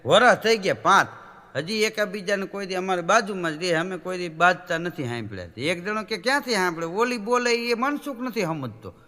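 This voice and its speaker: A man's voice: sits high, animated, a little fast, few pauses, sharp tone. A man, a folk comedian telling jokes on stage and acting out voices and animal sounds. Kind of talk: live stage joke-telling. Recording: reverberant hall recording.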